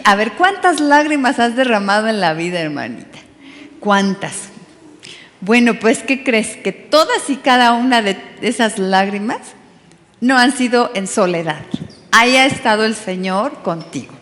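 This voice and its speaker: A woman's voice: mid-range voice, fairly bright tone. A woman with a Mexican accent, giving a chatty, playful sermon to a women's group and asking them questions. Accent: Mexican Spanish. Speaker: women's ministry preacher. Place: church hall. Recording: long hall reverb.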